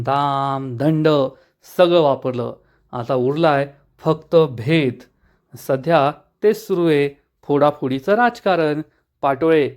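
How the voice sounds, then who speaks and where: A man's voice: a little high, natural voice. A man voicing an angry, scheming middle-aged male politician in a sneering, bitter tone.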